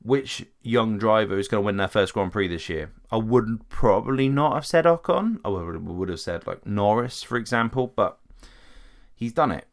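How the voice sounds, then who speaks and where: A man's voice: on the low side, expressive, moderate pace. A man giving casual, opinionated commentary on racing drivers, talking conversationally with frequent restarts. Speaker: motorsport commentator.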